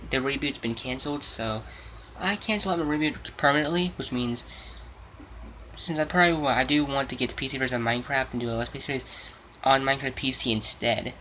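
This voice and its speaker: This 17-year-old, about to turn 18, hosts a gaming channel and talks to it casually without a script, wandering, repeating, and restarting many times. His voice is mid-range with a sharp tone, and the low-quality recording carries a little hiss or hum.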